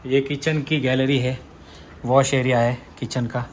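Speaking a little slowly in a medium-pitched voice with little pitch movement, an Indian man in his thirties walks viewers through his apartment room by room. Raised in Rajasthan, he keeps it chatty in this casual house tour vlog shot indoors on a handheld phone, with a little hiss or hum in the background.

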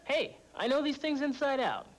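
An actor playing a breezy, chummy game designer in a scripted infomercial comedy, casual, slangy and eager. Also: male voice, very high-pitched, big pitch swings, normal speed, rough recording.

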